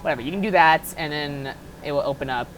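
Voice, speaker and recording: Speaking quickly in a low pitch, this female tutorial host walks through software modding with no script, and there's noise behind her. Her delivery is informal and offhand, as if she's reasoning things out on the spot.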